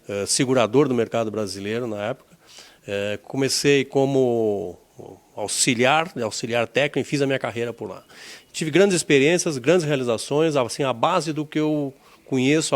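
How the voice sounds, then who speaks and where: A man in his sixties from southern Brazil with a Gaúcho accent, an insurance executive recalling his career in an interview, measured and repeating words as he searches for them. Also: medium pitch. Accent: Gaúcho Brazilian Portuguese.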